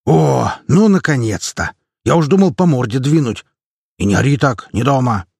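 A man's voice: mid-range voice, expressive, normal speed, a little mellow, no room sound, clean studio sound, voice pushed up. A man doing a mocking burly bearded guy. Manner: teasing, rough and joking.

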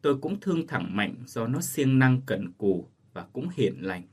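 A man's voice: mid-range voice, big pitch swings, a little slow, darkish tone, husky. A man voicing a grief-stricken older village schoolteacher and father in a read ghost story, speaking in a choked, sorrowful way. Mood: grieving.

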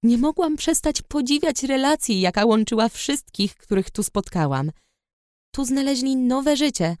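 A woman telling a first-person audiobook story in a lively, expressive way. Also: sits high, unhurried, no room sound, clean studio sound. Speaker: audiobook narrator.

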